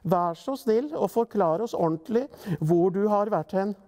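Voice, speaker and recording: A man's voice: high voice, animated, mellow, big-room sound, pitched above the performer's own voice. A man doing a scolding storybook mother. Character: anxious stern mother.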